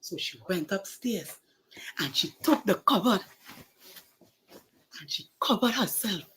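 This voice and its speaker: A woman telling a moral story to children, animated and dramatic, speaking to the kids directly. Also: medium pitch, slow pace, a little hiss or hum.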